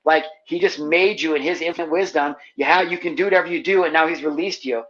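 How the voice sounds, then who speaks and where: Heartfelt male guest with a high voice, talking casually and with feeling on a slightly muffled recording. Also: fast, fairly bright tone. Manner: passionate and heartfelt, casual slangy speech. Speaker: podcast guest, manifestation teacher. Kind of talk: emotional personal storytelling in conversation.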